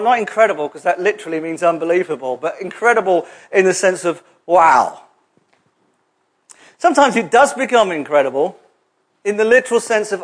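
A man delivers a sermon in a church hall, his voice pitched high for a man. He talks in a conversational way and drops jokey asides to the congregation. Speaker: preacher.

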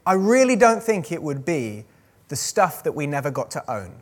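Lively, high-voiced preacher. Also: male voice, moderate pace. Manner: conversational, jokey, asks the congregation questions. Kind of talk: sermon. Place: church service with a congregation.

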